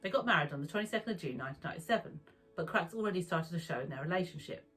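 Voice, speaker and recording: A woman narrating a true crime story in a calm, even storytelling manner. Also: lowish voice, rapid-fire, breathy edge, soft background music, poor audio.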